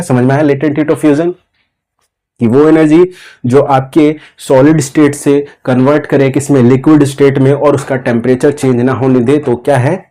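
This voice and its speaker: A man's voice: mid-range voice, dark tone. A man lecturing a class, asking questions and answering them himself, repeating key phrases again and again. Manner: repetitive call-and-response questioning, drawn-out key words. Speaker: teacher.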